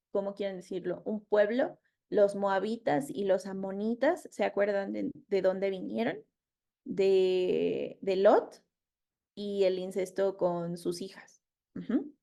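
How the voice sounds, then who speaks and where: A slow-spoken woman leads a relaxed Bible study. Her voice is mellow and dark, and her delivery is chatty: she paraphrases freely and keeps asking her listeners questions. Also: medium pitch. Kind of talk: casual Bible study teaching.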